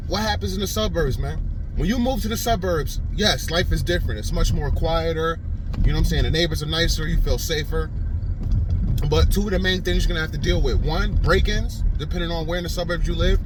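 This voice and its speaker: A man in his thirties rambles to his viewers in a loose, repetitive vlog style, his voice pitched a little high for a man. Faint traffic hums behind him outdoors. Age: 30s. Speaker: vlogger. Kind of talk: casual talking-head vlog.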